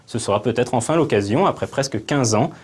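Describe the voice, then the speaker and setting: A man presenting a scripted, storytelling narration of a history segment, delivered briskly. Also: mid-range voice, animated, a little mellow, slightly rough.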